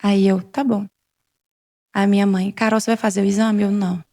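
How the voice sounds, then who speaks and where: A woman's voice: medium pitch, little pitch movement, fairly quick, gravelly, dark tone. A young adult woman, a guest on a faith show, telling her personal testimony and acting out quoted exchanges in a conversational way. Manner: retells events with many quoted exchanges in a conversational way.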